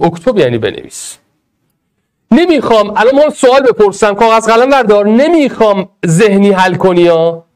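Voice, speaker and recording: A male teacher gives an energetic Arabic grammar lesson, talking straight to his students. His voice sits high and leaps widely in pitch as he plays with the class and urges them along. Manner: animated, playful, addresses students directly.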